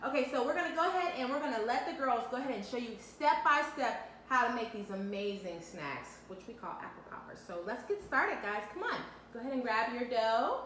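Cooking at home with her children, a mother in her thirties coaches them step by step with upbeat energy. Her fairly high, slightly bright voice is expressive and a little fast, barely pausing, captured by a camera mic a few feet away in an echoey kitchen with faint background noise.

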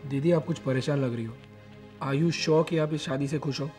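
Actor playing a worried young guy, fast questions, music loud behind. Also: on the high side, close to an everyday voice. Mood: concerned. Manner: quick, concerned questioning. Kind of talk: TV serial acting.

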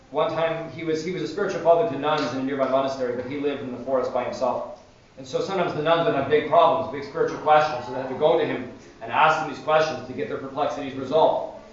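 A male priest giving a sermon in a church, telling stories with animated energy. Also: mid-range voice. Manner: animated storytelling. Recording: distant echoey church, dull sound.

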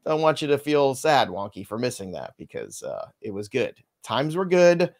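A man's voice: mid-range voice, huge pitch swings, normal speed. A man hosting a live fantasy baseball show, trading playful, upbeat banter and setting up segments. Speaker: host.

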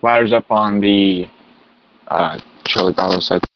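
A man's voice: lowish voice, fairly even intonation, measured pace. A male firefighter making short replies over a two-way emergency radio. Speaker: firefighter on engine crew. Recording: dull, clearly noisy radio.

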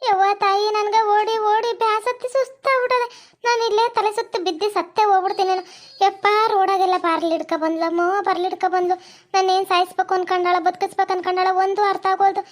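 Voice actor doing a tired village woman, north karnataka accent, squeaky high and breathless, cartoon. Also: flat delivery, fast. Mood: exhausted. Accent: North Karnataka Kannada. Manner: breathless complaining. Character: exhausted village woman, fleeing, complaining. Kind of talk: cartoon comedy voice acting.

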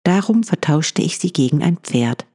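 Woman reads plain old storybook farmer, low, husky, apologetic. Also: expressive, moderate pace, mellow. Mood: sheepish.

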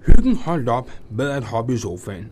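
Man reading a lively Christmas story. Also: medium pitch, slight background noise. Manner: lively, expressive first-person reading. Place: studio.

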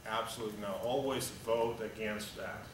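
This lowish, level-toned voice belongs to a Russian man in his thirties, an airline pilot standing and gesturing through a casual slide talk to a group. He speaks at normal speed, plainly and bluntly, often saying "uh" and restarting. The audio comes from a distant camera in an echoey, hangar-like meeting room with background hum.

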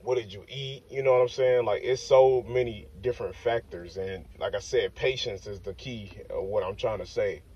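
A man's voice: fairly low pitch, moderate pace, hardly any pauses, darkish tone, slightly rough. A young man in a parked car, talking casually to his phone on the dashboard in a loose, rambling way that keeps circling back with "like I said.". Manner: loose, rambling, repeats "like I said" and "you know what I'm saying". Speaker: fitness vlogger. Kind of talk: casual self-filmed talk. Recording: dull, slightly distant phone audio.

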